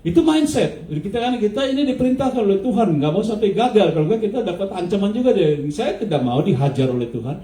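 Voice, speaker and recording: A male pastor preaches with a high, warm voice that leaps up and down with energy. He keeps quizzing his listeners, laughs often, and slips English words into his speech. The sound carries a roomy echo. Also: fast, few pauses. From United States. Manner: lively, questions the congregation, laughs often. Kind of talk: sermon.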